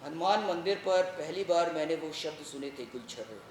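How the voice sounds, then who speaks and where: A man giving a dramatic solo storytelling performance, moving between hushed narration and shouting. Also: fairly high pitch, moderate pace, far from the mic, slight background noise. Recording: echoey room with faint ambience.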